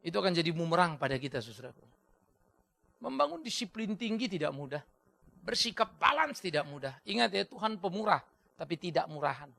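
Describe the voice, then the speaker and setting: A man, a pastor, preaching a sermon, swinging between loud exhortation and soft storytelling and repeating key phrases for emphasis. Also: a little high, sing-song, brisk, vocal fry. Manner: mixes in English words.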